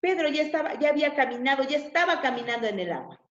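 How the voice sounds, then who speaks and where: A woman's voice: high voice, expressive, quick pace, a bit bright. A woman giving a sermon who keeps asking her listeners short rhetorical questions. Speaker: preacher. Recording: echoey, slightly dull room sound.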